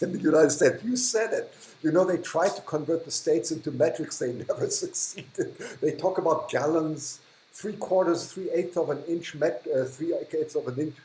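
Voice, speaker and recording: Reading out viewer comments in a relaxed live chat, a livestream host with a German accent laughs a lot and often leaves sentences unfinished. His voice is a little high and a little mellow, captured in a reverberant, low-quality recording.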